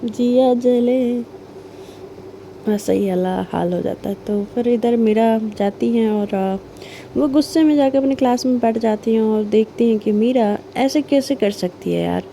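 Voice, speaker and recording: A woman's voice: fairly high pitch, moderate pace, vocal fry, mellow, a little hiss or hum. A woman retelling a serial love story in a chatty way, acting out the characters' lines as she goes. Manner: chatty, retells scenes with quoted dialogue, sings snatches of film songs. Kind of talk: casual spoken storytelling.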